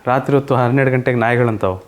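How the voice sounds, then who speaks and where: A man's voice: medium pitch, fast talker, slight background noise. A man teaching children in an online coaching lesson, often asking checking questions and mixing in English words. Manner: quizzing, asks many checking questions. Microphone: single mic, online class recording.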